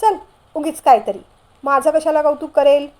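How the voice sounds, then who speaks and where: A woman's voice: high-pitched, moderate pace, a little mellow, natural voice. Brief: a woman reading a bashful groom-to-be, curious and questioning.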